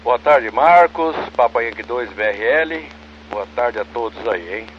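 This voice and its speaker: A man's voice: medium pitch, expressive, a little slow. A man calling in as an amateur radio operator over a two-way radio, explaining a practice method patiently and step by step. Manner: explains patiently in small steps. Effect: heard over a two-way radio transmission. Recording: muffled radio transmission with clear static hiss.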